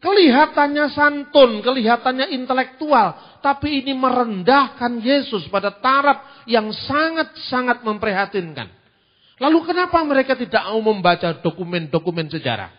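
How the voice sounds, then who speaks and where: Man, high voice, talking to a congregation; lively and mocking, with a muffled, echoing hall sound. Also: normal speed. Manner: lively and mocking, with colloquial asides. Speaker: church teacher. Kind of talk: church talk to a congregation. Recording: dull, reverberant hall recording.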